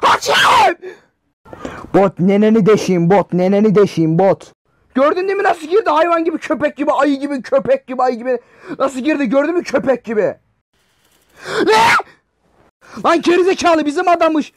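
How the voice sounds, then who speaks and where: A man giving loud, excitable reactions while gaming, yelling and swearing at what happens on screen. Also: extremely high pitch, brisk, dry recording, clean studio sound. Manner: excitable, yells and swears at the game. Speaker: gamer and YouTuber.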